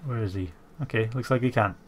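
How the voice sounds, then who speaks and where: Here a male gaming host, congested from a cold, rambles through strategy game commentary full of fillers while typing on his keyboard. The voice is on the low side and brisk, with soft music playing in the background.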